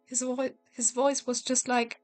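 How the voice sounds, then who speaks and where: Higher-voiced woman reading a game aloud. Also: level tone, measured pace, faint music behind. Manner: casual, joking, swears and laughs at herself. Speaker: gamer playing a visual novel.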